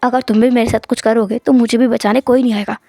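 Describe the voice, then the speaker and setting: A calm, gentle young husband who speaks in a steady, measured way, voiced by a woman who drops her voice a little. Her voice is still fairly high even when lowered, and the recording is dry with faint music behind. He is part of a spoken storybook. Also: gravelly, no echo. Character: calm seventeen-year-old husband, gentle alpha.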